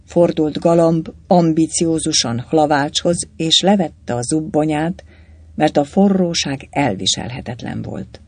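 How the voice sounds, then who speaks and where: A man narrating a novel as an audiobook, lively storytelling that moves in and out of character voices. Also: on the high side, dry recording. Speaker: audiobook reader.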